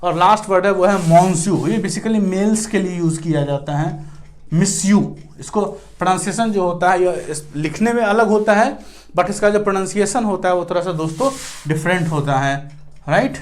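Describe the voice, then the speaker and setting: A man's voice: high-pitched, a little fast. A man with an Indian accent teaching English grammar, switching between Hindi and English and checking in with "right" after nearly every sentence. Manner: mixes Hindi and English, keeps asking "right" and calling viewers friends. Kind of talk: classroom grammar lecture.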